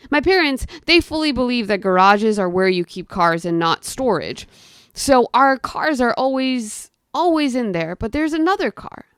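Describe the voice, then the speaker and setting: A young woman shares a personal story aloud, her voice edged with a gravelly fry. She talks in a loose, conversational way, and the sound is dry and close with no room behind it. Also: mid-range voice, no room sound. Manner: conversational, with frequent "I mean" and "like". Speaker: guest storyteller. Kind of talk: personal storytelling in present tense.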